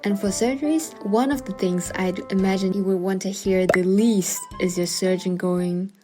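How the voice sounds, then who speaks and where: A woman's voice: medium pitch, steady tone, moderate pace, mellow. A woman narrating a scripted personal story as a voice-over, with wry, self-deprecating and dramatic asides. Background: music behind the voice.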